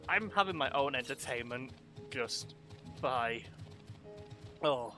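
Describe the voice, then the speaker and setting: Bright-voiced swearing gaming streamer. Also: male voice, medium pitch, animated, takes it slowly, soft background music. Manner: swears freely and jokes to himself, also reads game dialogue aloud. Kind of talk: casual playthrough commentary.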